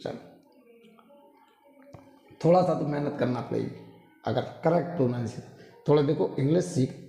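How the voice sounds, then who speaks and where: A man giving a pronunciation lesson in a repetitive, drilling way, often checking in with his listeners. His voice is mellow and a little high. It is recorded in a roomy space with a long, hall-like echo. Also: normal speed, gravelly, soft background music. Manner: repetitive, drilling, frequent tag questions. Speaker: English pronunciation teacher. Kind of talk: classroom-style lesson.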